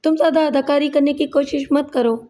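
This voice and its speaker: A woman's voice: high-pitched, steady tone, mellow, natural voice. A woman voicing a stern, scornful male police inspector who barks orders and scolds in a commanding tone.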